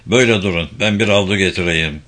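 A man playing a calm commando captain who gives curt, commanding orders. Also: deep voice, fast, pitched below the performer's own voice.

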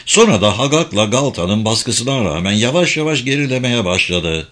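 A man reading a novel aloud as a dramatic, expressive audiobook narration. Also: mid-range voice, moderate pace.

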